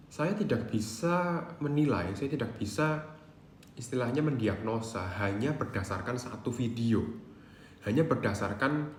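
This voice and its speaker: A psychologist talking casually to camera and explaining things calmly, sometimes acting out quoted feelings. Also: male voice, fairly low pitch, reverberant, a little hiss or hum.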